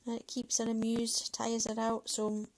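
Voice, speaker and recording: At normal speed and with a completely flat delivery, this livestream host speaks in a slightly high voice while she colours and chats casually. She's in her thirties, from Manchester, England, with a Mancunian accent carrying a Scottish lilt, and her talk rambles with lots of fillers.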